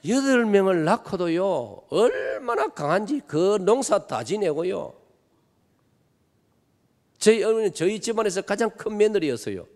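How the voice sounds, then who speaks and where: A guest pastor from Gimhae, South Korea, with a Gyeongsang Korean accent, preaches a revival sermon in a church sanctuary, emphatically throwing rhetorical questions at the congregation. His high, darkish voice swings widely in pitch at an unhurried pace. The recording has long church hall reverb.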